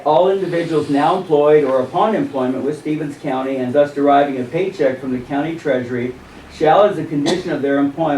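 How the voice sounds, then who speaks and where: An American man giving a formal public statement from prepared text, deliberate and occasionally stumbling over the written wording. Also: a little high, mellow. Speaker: citizen presenter at a county commissioners meeting. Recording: roomy, distant microphone, faint background noise.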